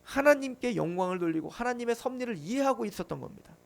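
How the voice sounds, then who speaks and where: A man's voice: extremely high pitch, lively intonation, fast, gravelly. A male pastor preaching a sermon, asking rhetorical questions and acting out pleading prayers.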